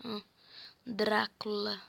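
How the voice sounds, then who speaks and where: A woman with a Brazilian accent, hoarse and stuffy-nosed, thinking aloud as she guesses through a quiz game, with mild swearing. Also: mid-range voice, little pitch movement, drawn-out words, fairly bright tone, slight background noise. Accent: Brazilian Portuguese. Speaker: gaming channel host. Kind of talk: casual gameplay commentary.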